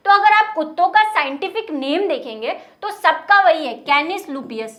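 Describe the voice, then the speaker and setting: High-voiced woman teaching biology. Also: animated, a little slow, fairly bright tone, slight background noise. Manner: explains step by step with frequent rhetorical questions. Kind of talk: classroom lecture.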